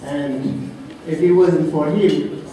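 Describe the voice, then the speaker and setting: A man from Africa giving a soft-spoken, halting tribute to his mentor, with many pauses and fillers. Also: on the high side, fairly even intonation. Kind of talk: heartfelt tribute speech. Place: reception room. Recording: roomy, distant, noisy room recording.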